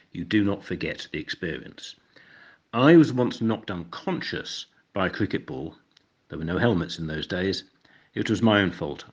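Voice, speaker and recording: A man's voice: low voice, breathy edge, muffled recording. An older English man with an English accent, narrating an educational explainer in a wry, dry-humored way. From England.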